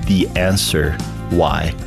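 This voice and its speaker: A man's voice: sits low, fairly even intonation, slow pace, vocal fry, over music. A man from Brazil, a pastor, answering interview questions in an earnest, reflective way. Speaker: associate pastor, guest.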